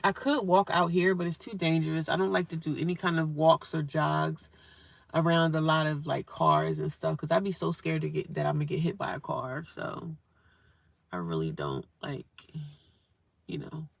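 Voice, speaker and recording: Gravelly-voiced woman chatting on a live stream. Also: deep voice, animated, normal speed, dry recording. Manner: chatty, repetitive, greets viewers and reads comments aloud. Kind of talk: casual live-stream chat. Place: parked car beside a highway. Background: faint traffic noise.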